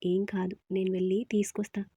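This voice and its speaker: A woman's voice: mid-range voice, level tone, brisk, dark tone, slightly rough, no room sound, studio quality. A woman voicing a worried young father who speaks urgently and tries to reassure his wife in a storybook. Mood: reassuring.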